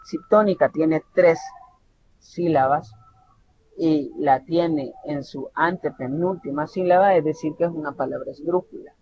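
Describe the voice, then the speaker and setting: A man from El Salvador tutoring an online lesson, explaining patiently and often restarting words and checking with "¿verdad?". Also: measured pace. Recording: dull lo-fi audio with faint rumble.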